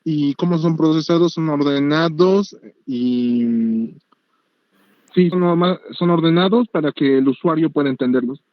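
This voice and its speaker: A man student giving a hesitant answer in an online class, his voice a bit higher than most men's. The sound is dry, with no room around it. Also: a little slow, no room sound, highs cut off. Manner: hesitant, with fillers.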